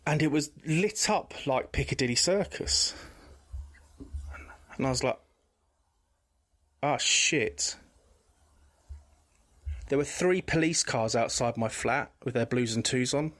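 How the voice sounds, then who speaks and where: A man's voice: medium pitch, slow, long pauses, fairly bright tone. A man, a podcast guest telling a personal story candidly, rambling with frequent restarts. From England.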